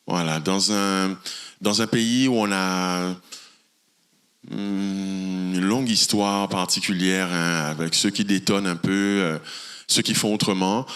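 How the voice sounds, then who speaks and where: Low-voiced hesitant man at a debate. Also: fairly bright tone, clean tone. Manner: hesitant, searching for words. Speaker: activist speaker. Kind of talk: public debate remarks.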